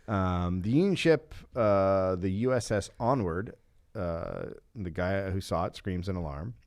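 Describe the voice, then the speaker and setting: Give me a lively, low-voiced man telling a story. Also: dry recording, clean studio sound. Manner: halting, full of restarts and ums. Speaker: podcast host telling a history story. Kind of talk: casual comedic storytelling.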